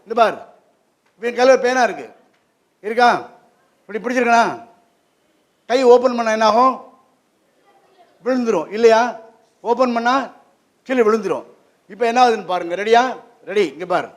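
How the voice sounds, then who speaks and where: A man giving an interactive lesson to children in a library hall, keeping them engaged with quick questions. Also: extremely high pitch. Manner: lively, keeps quizzing the audience with quick questions. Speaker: guest presenter at a children's program.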